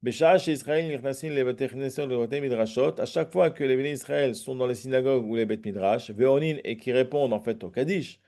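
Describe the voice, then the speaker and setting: A man's voice: mid-range voice, fairly quick, few pauses, warm tone. A man teaching a Talmud lesson, reading each phrase and then translating and explaining it. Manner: hesitant fillers and restarts.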